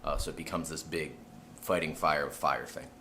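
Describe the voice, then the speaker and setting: A man's voice: very deep voice, fairly even intonation, normal speed, bright, forceful tone, slight background noise. A man, a musician, talking to camera in a laid-back, straightforward vlog. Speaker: musician vlogger. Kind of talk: casual vlog talk.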